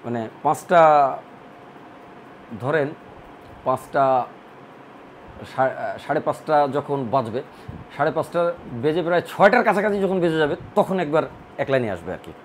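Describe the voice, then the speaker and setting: Man, math teacher, step-by-step explaining, higher voice, faint noise. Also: lively intonation, moderate pace, long pauses. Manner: explains step by step, repeating counts in rhythmic lists. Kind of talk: online admission-prep math lesson.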